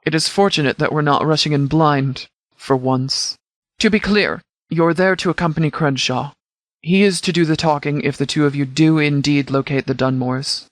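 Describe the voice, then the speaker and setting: In scripted video game dialogue, an actor voices a stern but caring military commander with a measured, formal, authoritative delivery. The male voice sits on the high side, the performance is lightly acted, and the recording is dry.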